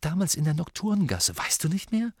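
A man's voice: a little high, huge pitch swings, normal speed, a little mellow, slightly rough, no room sound, studio quality, voice pushed up, exaggerated voice. A man voicing a clever, earnest teenage witch girl in an audiobook, speaking in a probing way. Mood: eager.

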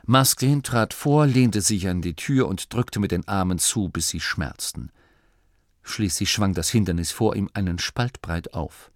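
A man reading a fantasy audiobook as narrator in an expressive storytelling manner. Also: deep voice, unhurried, no echo, clean studio sound. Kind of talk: scripted narration.

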